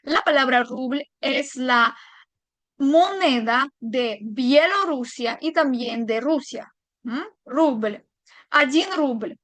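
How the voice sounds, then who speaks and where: A woman's voice: high-pitched, fairly bright tone, dry recording. A woman teaching a language lesson online, explaining patiently step by step and checking in her viewers.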